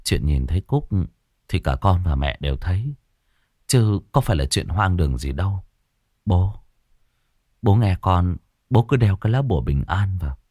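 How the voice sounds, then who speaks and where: A gentle young husband on leave from the army, as a male storyteller plays him, speaking low and consoling. His voice is very deep, with a lively pitch, recorded dry and close. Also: moderate pace, pauses often, no echo. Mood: earnest pleading. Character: gentle young soldier husband, sad and patient.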